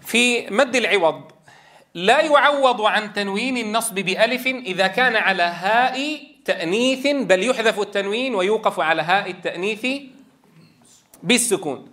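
A man with a high-pitched voice teaches a tajweed lesson to a class of men. His tone is bright and forceful. He explains step by step, repeats key points, and stretches vowels to show each rule. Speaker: Quran teacher trainer.

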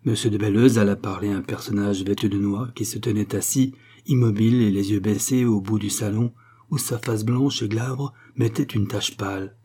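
A male audiobook reader narrates a short story at a measured, literary pace. His voice is low, dark and mellow, with a husky grain. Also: steady tone. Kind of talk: scripted narration.

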